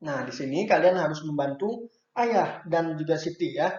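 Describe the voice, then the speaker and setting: A fairly high-voiced man patiently walks young children through a workbook lesson, pausing with small checks as he goes. The sound is roomy and echoey, with a dull, lo-fi edge. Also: lively intonation, a little mellow. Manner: patient, adds "ya" and "nah" to checks and turns. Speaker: primary school teacher.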